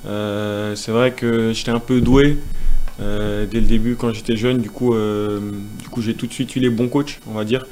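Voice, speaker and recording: Relaxed young man answering in an interview. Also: on the low side, normal speed, a little hiss or hum. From Senegal. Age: 20s. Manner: relaxed, casual, many fillers. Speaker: tennis player guest.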